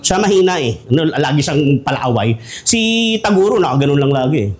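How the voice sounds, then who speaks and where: A man's voice: a little high, animated, fairly quick. A man from the Philippines preaching a humorous sermon as pastor, joking and conversational, laughing often.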